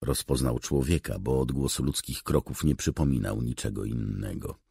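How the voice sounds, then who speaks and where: A man reading an audiobook in a measured, scripted narration. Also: rumbling low, vocal fry, warm tone, slightly rough, no echo, studio quality.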